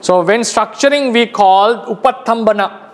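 A man with a Sri Lankan accent teaching a lecture as a Buddhist monk, speaking slowly and explaining step by step, with pauses and self-corrections. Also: sits high, in a large hall.

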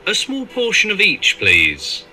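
A man's voice: high-pitched, wildly swooping pitch, takes it slowly, bright, forceful tone, soft background music, heavily acted. A man voicing a young male customer who politely orders lunch in a scripted textbook dialogue. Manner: polite and plain.

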